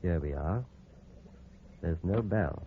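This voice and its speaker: A deep-voiced scheming surgeon on AM radio. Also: male voice, expressive, takes it slowly, a little hiss or hum, full character voice. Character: cold, scheming male surgeon. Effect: old AM radio broadcast. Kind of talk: 1940s radio acting. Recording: tinny, narrow old AM radio broadcast.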